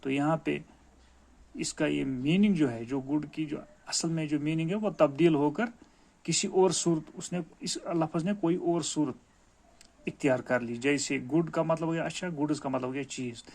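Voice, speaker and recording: A man's voice: on the high side, gravelly, darkish tone. A male school teacher with a Kashmiri accent gives a grammar lesson, explaining patiently and calling his pupils dear children.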